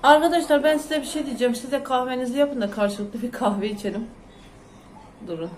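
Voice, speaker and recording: A woman chatting loudly and rambling to her viewers in a casual home vlog. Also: high-pitched, fairly quick, a little hiss or hum. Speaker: vlogger. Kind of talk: casual chat to camera. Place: home, indoors. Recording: echoey room.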